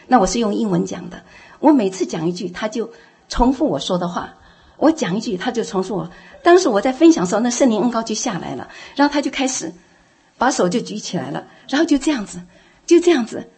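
A woman's voice: on the high side, darkish tone, slightly rough. A woman giving a heartfelt personal testimony in church, telling her story earnestly and growing fervent. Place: church, speaking from the front.

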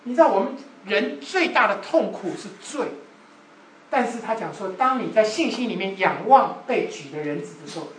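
A woman preacher delivering a sermon, animated and full of rhetorical questions to the audience. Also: mid-range voice, normal speed, slight background noise. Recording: echoey room, voice from far off.

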